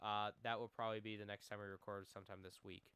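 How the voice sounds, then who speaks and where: A man's voice: fairly low pitch, level tone, very fast, very noisy. A man co-hosting a casual gaming podcast, joking around and plugging his channels. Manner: joking, reads game blurbs aloud. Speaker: podcast co-host.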